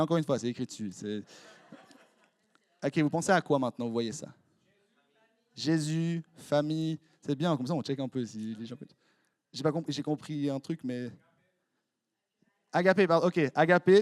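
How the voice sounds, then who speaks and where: A young youth pastor with a Swiss French accent preaches to his congregation, tossing out jokes and playful asides as he quizzes them. His voice sits a little high for a man. The sound is close and dry, with almost no room echo. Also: a little mellow. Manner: playful, jokey, quick asides to the crowd. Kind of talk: lively sermon with audience interaction. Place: church hall before a congregation.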